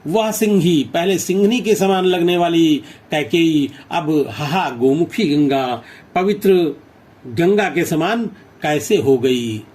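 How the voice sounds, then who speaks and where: A man's voice: a little high, slow pace, a little mellow. A male Hindi teacher who reads poetry lines aloud and then explains them step by step, repeating phrases as he goes.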